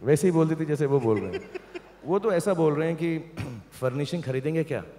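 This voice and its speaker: A man's voice: fairly high pitch, animated, brisk, mellow. A man hosting a launch event on stage, teasing and coaxing a couple with playful jokes. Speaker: event host. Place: large event hall. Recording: hall reverb, faint ambience.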